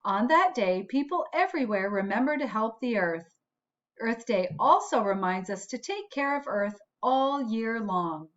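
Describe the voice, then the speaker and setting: Like a principal at story time, a woman reads slowly to young children in a fairly high, expressive voice that swings through every sentence. Her phrasing is clear and teacherly, she adds asides, and the recording sounds slightly dull.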